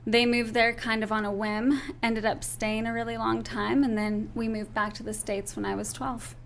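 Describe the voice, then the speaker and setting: A young woman raised in Turkey gives an earnest political interview, setting out her views point by point in order. Her voice is fairly high and creaky, with a level tone and moderate pace, and there's a little hiss or hum on the recording.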